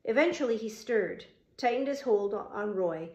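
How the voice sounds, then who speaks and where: A woman's voice: on the high side, lively intonation, normal speed, darkish tone. Woman narrating a novel in a roomy echo. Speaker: audiobook narrator.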